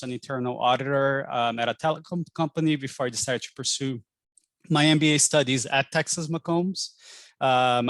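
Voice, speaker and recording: A Brazilian man in his 40s, an admissions director, hosts a webinar info session over video call from his home pottery studio. He sounds chatty and friendly, with a mid-pitched, fairly bright voice and lots of ums. The sound is dry and close, with no echo.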